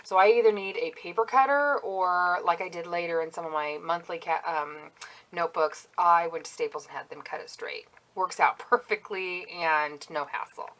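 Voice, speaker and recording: A woman's voice: on the low side, moderate pace, a bit bright, poor audio. A woman giving a casual show-and-tell walkthrough of her handmade planner, chatty and self-critical, with lots of ums and asides. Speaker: planner crafter vlogger.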